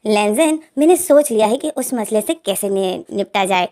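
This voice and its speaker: Woman doing cranky young guy, indignant, high voice. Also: brisk, a little mellow, natural voice. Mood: scheming. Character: young man, sulky and easily angered.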